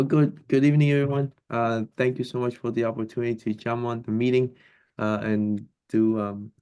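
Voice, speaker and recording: A man in his twenties from Cambodia, introducing himself as a candidate on a video call, talking haltingly with many restarts. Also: medium pitch, darkish tone, clean tone. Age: 20s. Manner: hesitant, many fillers and restarts. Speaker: political candidate.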